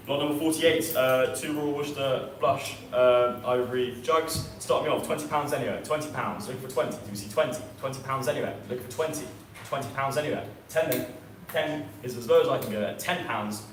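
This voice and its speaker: A man's voice: medium pitch, a little fast, hardly any pauses. A man working as an auctioneer, calling live bids with repeated prices and increments. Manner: repetitive chanting of prices and increments. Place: auction sale room, indoors. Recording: echoey room, distant mic, background noise.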